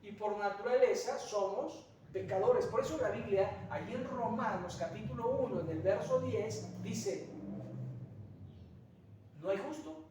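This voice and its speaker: A man's voice: sits high, unhurried, noisy background. A man with a Mexican accent preaching a sermon as pastor, earnest, with rhetorical asides and frequent hesitant fillers. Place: church sanctuary. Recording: very echoey church from a distance.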